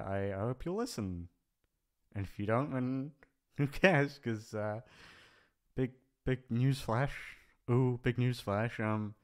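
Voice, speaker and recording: With a clean, medium-pitched voice, a voice actor who runs an audio channel records an unscripted, casual farewell vlog. He rambles and hesitates, poking fun at himself as he thinks out loud.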